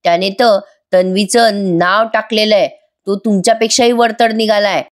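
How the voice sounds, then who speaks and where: A woman's voice: medium pitch, fairly even intonation, moderate pace, natural voice. A woman voicing a defiant grown son who talks back sarcastically to his parents. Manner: sarcastic, retorting.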